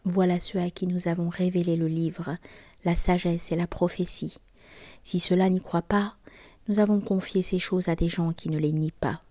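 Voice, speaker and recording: A woman giving a whispered scripture reading, her voice low and mellow. She speaks softly and steadily, often in a bare whisper. The sound is close and dry. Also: flat delivery, no room sound. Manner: soft, measured, often whispered. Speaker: scripture reader.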